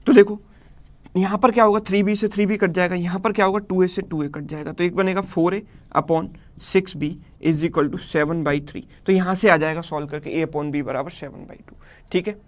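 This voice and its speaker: A man's voice: sits high, steady tone, normal speed. A man teaching a live online math class in Hindi mixed with English in an Indian accent, explaining step by step and checking in with students.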